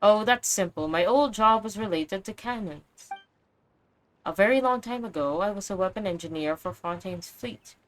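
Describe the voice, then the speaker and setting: A woman voicing a calm, kindly older male weapon engineer as she reads game dialogue aloud, steady and explanatory with small slips. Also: medium pitch, a little hiss or hum, lightly acted, low-quality recording. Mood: recounting.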